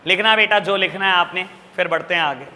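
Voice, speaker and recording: Guy teaching accounts to a class, fond and chatty, keeps asking clear?, echoey hall sound. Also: high-pitched, a little fast, bright, forceful tone, slight background noise. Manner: affectionate, repeatedly calls students "beta"; asks "clear?" to check understanding. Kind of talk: classroom lecture. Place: classroom with students present.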